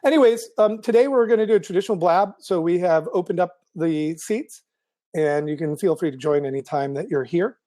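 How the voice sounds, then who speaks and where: A man hosting a live video show, thinking aloud in a casual monologue with many ums and restarts, his voice going hoarse. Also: sits high, a little fast, warm tone. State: losing his voice.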